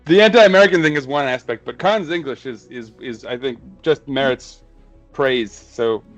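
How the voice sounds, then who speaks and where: Animated podcast host, laughs often. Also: male voice, medium pitch, moderate pace, soft background music. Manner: animated, laughs often, swearing, many fillers. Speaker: podcast host and English teacher. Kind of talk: casual podcast chat.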